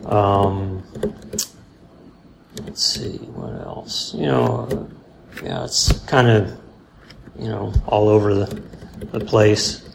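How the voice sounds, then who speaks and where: A man in a casual interview, rambling and halting, with many fillers and restarts, laid-back and self-deprecating. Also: lowish voice, vocal fry. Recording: roomy with faint background hum.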